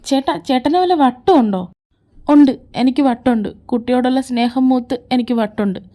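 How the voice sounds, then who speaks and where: This woman has a high, dark voice and talks fairly quickly. She plays all the parts in a fan fiction audio drama, alternating between argumentative, teasing and pleading lines, while music plays faintly underneath.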